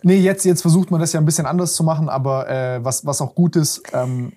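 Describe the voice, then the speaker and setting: A woman's voice: sits low, steady tone, mellow. A woman hosting a podcast, reacting briefly and sometimes restarting her sentences. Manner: supportive listener, short reactions, halting restarts. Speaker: podcast host. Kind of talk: casual podcast conversation.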